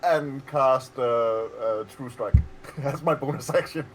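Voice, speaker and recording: A man's voice: medium pitch, slow, faint music behind. A man playing a tabletop game, talking casually and hesitantly about his turn. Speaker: player.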